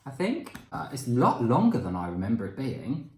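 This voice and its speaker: Lively, teasing man in an echoey room. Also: mid-range voice, a little fast. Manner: teasing, laughs often. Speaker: book channel host. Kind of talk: casual chat to camera.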